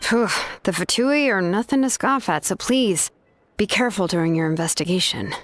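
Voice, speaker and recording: A woman's voice: medium pitch, animated, moderate pace, lightly acted. An actress playing a helpful, caring woman ally in a fantasy video game. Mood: concerned, helpful. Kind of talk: scripted video game dialogue.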